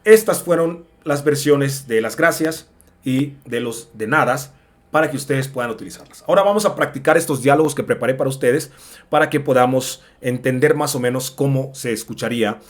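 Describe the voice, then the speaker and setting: A man teaching in a casual spoken lesson, slowly stretching out example phrases and acting out short dialogues with shifted voices, checking in often with "ok?". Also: mid-range voice. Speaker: English teacher.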